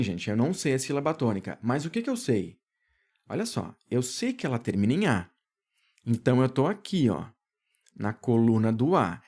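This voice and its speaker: Lively Brazilian man teaching grammar. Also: medium pitch. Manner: lively, questions students and answers himself; draws out key words slowly. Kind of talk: exam prep lesson.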